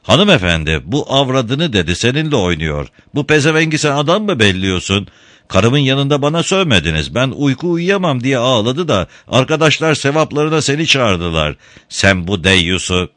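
A man's voice: medium pitch, very animated, normal speed, fairly bright tone, no echo, clean studio sound, pitched above the performer's own voice. Man doing a sly taunting villager. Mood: mocking. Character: cunning mocking village man, sly joker.

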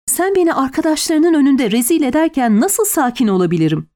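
A woman's voice: high-pitched, big pitch swings, a little fast, warm tone, pitched above the performer's own voice. A woman voicing a furious, jealous noblewoman who shrieks accusations in an audiobook.

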